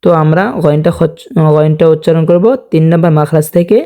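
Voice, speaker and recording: A man teaching Quran reading, spelling words out letter by letter and drawing out recited verses slowly, asking and answering his own questions for viewers. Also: on the high side, flat delivery, warm tone. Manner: slow drawn-out recitation of verses between explanations.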